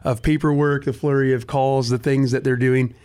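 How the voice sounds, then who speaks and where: A man's voice: medium pitch, flat delivery, normal speed, mellow, smooth. An earnest man, a guest on a talk show, speaking casually with frequent restarts about volunteering. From United States. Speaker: nonprofit director, guest.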